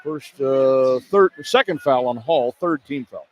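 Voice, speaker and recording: Here an American man with a medium-pitched voice calls basketball play-by-play for radio, a little slowly, in clipped phrases that chase the action. The audio sounds dull, and the live courtside broadcast from an indoor arena has clear background noise.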